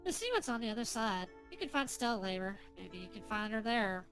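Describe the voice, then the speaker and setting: A woman reading the narration of a story game aloud in a measured, storytelling way. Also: medium pitch, animated, fairly bright tone, faint music behind.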